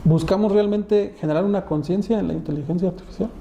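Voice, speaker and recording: A man's voice: high-pitched, fast, vocal fry, dark tone, highs cut off, slight background noise. Man co-hosting, reflective, in echoey room. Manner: interjects short agreements, asks reflective questions. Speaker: webinar co-host. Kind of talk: conversational webinar discussion.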